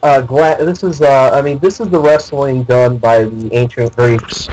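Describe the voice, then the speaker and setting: A man's voice: mid-range voice, normal speed, lo-fi sound, slight background noise. A man playing a tabletop game over voice chat, describing his character's wrestling moves with lots of restarts. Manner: excitable, stumbling restarts while describing moves. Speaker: player. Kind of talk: casual tabletop game play.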